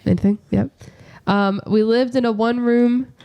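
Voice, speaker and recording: A woman's voice: fairly high pitch, steady tone, moderate pace, creaky, clean tone, highs cut off. A woman co-hosting a podcast, laughing often as she reads song lyrics aloud in a guessing game. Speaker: podcast co-host.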